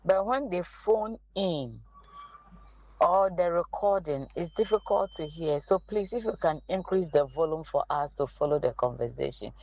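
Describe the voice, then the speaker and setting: A listener's recorded voice note played on air, loud and polite, making a request to the host. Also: mid-range voice, expressive, normal speed, dry recording. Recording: dull lo-fi voice note, dry.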